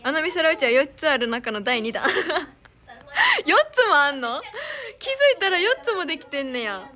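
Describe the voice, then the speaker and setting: A woman's voice: high voice, animated, moderate pace, pushed and bright. A young woman with a Kansai accent, chatting casually on a live stream, giggling often as she thanks fans and reads their comments. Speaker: idol streamer.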